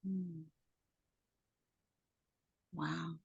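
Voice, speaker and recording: Woman in peer support call, slow and reflective, phone mic, unhurried delivery. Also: deep voice, flat delivery, gravelly, slightly rough, highs cut off. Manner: slow, soft, reflective with many fillers. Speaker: peer support group member. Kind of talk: casual spiritual sharing on a video call. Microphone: phone on a video call.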